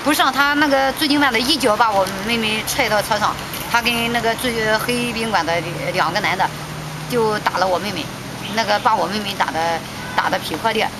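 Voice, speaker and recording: A woman giving emotional spoken testimony, halting and repeating herself, her voice rising when agitated, recorded outdoors. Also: a little high, noisy background. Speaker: petitioner's sister recounting events.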